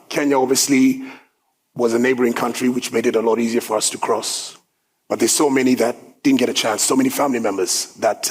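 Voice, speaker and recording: A man's voice: mid-range voice, slightly rough, rough recording. A man in his thirties from South Sudan, giving an upbeat, conversational talk about his own story at an event, with plenty of filler words. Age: 30s. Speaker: guest speaker. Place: event hall.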